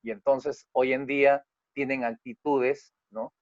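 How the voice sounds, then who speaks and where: A man's voice: level tone, a little slow, dry recording, dull audio. A man, a family therapist teaching a group lesson, who explains step by step, keeps checking with his listeners, and acts out quoted dialogue by raising his voice. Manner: acts out quoted dialogue with raised pitch and volume.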